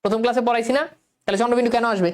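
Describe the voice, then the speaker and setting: A young woman teacher with a Bangladeshi Bengali accent leads an online lesson. Her voice sits a little high, and she coaxes her students along. She quizzes them often and repeats key words slowly. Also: fairly even intonation. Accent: Bangladeshi Bengali, colloquial.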